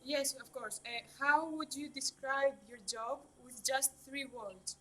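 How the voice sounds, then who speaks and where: A young woman puts prepared questions as a student interviewer, quiet and far off. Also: sits high, fairly even intonation, measured pace. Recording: quiet, distant from the microphone.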